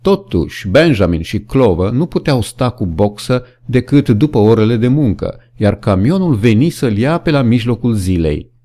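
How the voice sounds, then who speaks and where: A man's voice: mid-range voice, very animated, few pauses, dark tone. A man reading a novel aloud as an audiobook narrator, with dramatic storytelling. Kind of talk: scripted narration.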